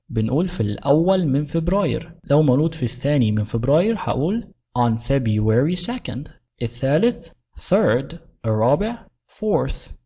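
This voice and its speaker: A woman with an Egyptian Arabic accent teaching English from a sitcom clip. She explains quickly in Arabic, then slows right down for each English example. Her voice is soft and breathy. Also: low-pitched. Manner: brisk explaining, slow careful English.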